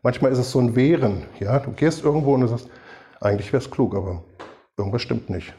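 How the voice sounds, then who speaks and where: Middle-aged male preacher, mellow and warm tone, emphatic conversational sermon delivery. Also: mid-range voice, fairly quick. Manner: emphatic, conversational, asks the audience for agreement.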